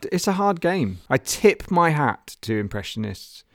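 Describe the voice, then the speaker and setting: A man's voice: fairly high pitch, very animated, a little slow, creaky, no room sound, clean studio sound. A man co-hosting a comedy podcast, bantering in a playful, self-mocking way. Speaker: podcast co-host. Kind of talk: casual comedic chat.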